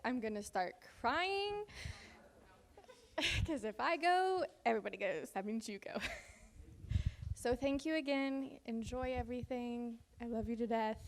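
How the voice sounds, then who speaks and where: A woman's voice: a little high, slight background noise. A woman giving a chatty, joking wedding toast as maid of honor, laughing between lines. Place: wedding venue.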